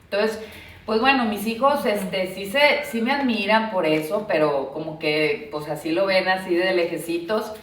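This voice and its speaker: In this clip her voice sits mid-range at normal speed, with slight background noise. The middle-aged Mexican interviewee, once a party leader, chats through family stories filled with "este" and "pues," and the distant mic gives a roomy echo.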